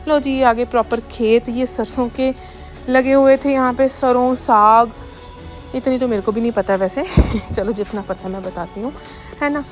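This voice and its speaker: A young woman narrates her family's day in a rapid, chatty voice-over, talking straight to her viewers. Her voice sits a little high. Soft music plays quietly under her words. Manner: fast, chatty, addresses viewers directly. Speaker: family vlogger. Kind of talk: casual voice-over narration of daily life. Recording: voice-over with faint background music.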